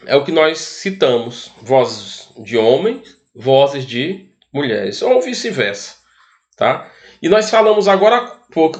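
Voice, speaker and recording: Brazilian man, arts teacher, voice sits a bit high, walks students through the lesson with rhetorical questions and tag questions. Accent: Brazilian Portuguese. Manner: explanatory, asks rhetorical questions, frequent tag questions. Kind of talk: recorded classroom lesson.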